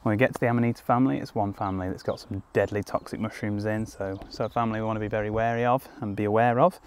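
A young British man crouches in a woodland clearing, walking viewers step by step through foraging with relaxed ums and restarts. His voice is lowish and fairly even in intonation, delivered rapid-fire. A tripod-mounted camera a few metres away frames him, and there's slight background noise.

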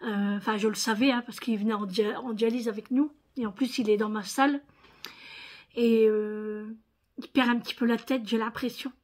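A woman's voice: fairly high pitch, fairly even intonation, moderate pace. A tired woman chatting casually in her vlog, with a northern French accent and lots of fillers and little tags. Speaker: vlogger. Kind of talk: casual chat.

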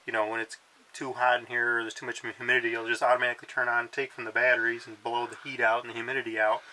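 A man's voice: medium pitch, level tone, rapid-fire, sharp tone, rough recording. Matter-of-fact man explaining camper repairs. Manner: practical, matter-of-fact, many fillers. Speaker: friend describing his repair plans. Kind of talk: casual explanation.

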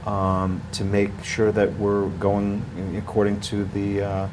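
Rambling, low-voiced man. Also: slow, noisy background. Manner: rambling, with many fillers and restarts, gets louder when animated. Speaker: ski area marketing director, guest. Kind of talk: studio interview talk. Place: small TV studio, indoors.

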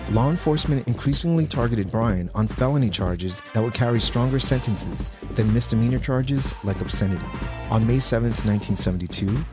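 A man narrating a scripted video essay in a measured, informative way. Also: medium pitch. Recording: voice-over with music underneath.

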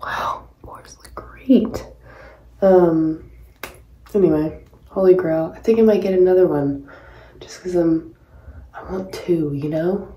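Talking slowly with long pauses, a Hawaiian tennis pro in her twenties uses a fairly low, warm voice as she vlogs from a small bathroom while getting ready. She chats casually, rambling and teasing herself. Recorded close up on a laptop or phone's built-in mic, the sound is echoey and lo-fi.

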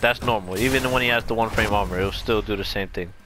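A video game tutorial creator with a lowish voice explains gameplay at a quick pace over music. It's casual and unscripted; he rambles and corrects himself as he goes.

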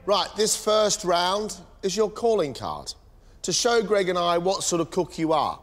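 A man's voice: high-pitched, big pitch swings, measured pace. British man judging and announcing a cooking round. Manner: firm, announcing. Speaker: cooking competition judge. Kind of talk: TV cooking show commentary. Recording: music under the voice.

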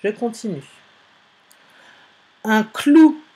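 A woman's voice: fairly high pitch, lively intonation, drawn-out words, dark tone. A woman teacher giving a spelling dictation to young pupils, repeating each word and spelling it out letter by letter. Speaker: primary school teacher.

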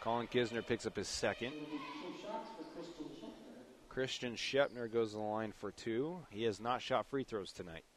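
In an indoor high school basketball gym, a young male announcer gives live radio play-by-play, the game noise and bouncing basketball clearly audible behind him. He speaks on the low side at a measured pace, leaving long pauses.

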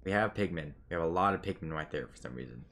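A man's voice: very deep voice, expressive, fast, a bit bright, a little hiss or hum. A man giving casual, joking commentary while playing a building game. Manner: joking, self-mocking, chatty. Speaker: gamer.

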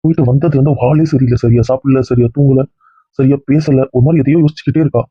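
A man's voice: mid-range voice, fairly even intonation, fast talker, warm tone, slightly rough, no room sound, highs cut off, natural voice. A man playing a remorseful young husband in an amateur family drama, talking in a pleading, apologetic way. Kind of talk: amateur web-series acting.

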